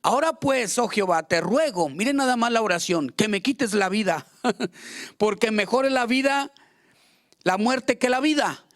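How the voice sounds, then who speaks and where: A man's voice: high voice, lively intonation, measured pace, a bit bright. A man preaching a fervent sermon as pastor, acting out quoted prayers and complaints.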